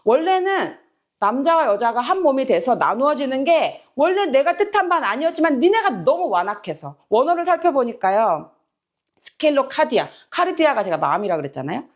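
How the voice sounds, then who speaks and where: A middle-aged woman pastor preaching a lively sermon in church, acting out the voices she quotes. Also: high-pitched, brisk. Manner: animated, acts out quoted voices and laughs often.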